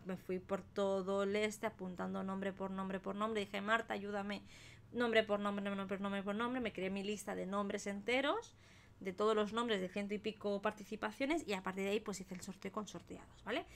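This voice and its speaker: A woman's voice: medium pitch, a bit bright. A young woman from Spain chatting casually on her live stream, thanking viewers by name as she tells a rambling story. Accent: Spain Spanish. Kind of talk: casual live-stream chat while colouring.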